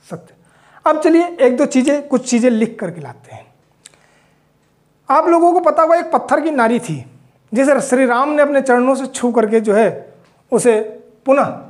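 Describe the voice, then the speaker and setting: A man teaching a Hindi spelling lesson, explaining patiently while writing words out and often checking in with his class. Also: extremely high pitch. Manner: explanatory, checks in with "theek", mixes in English phrases.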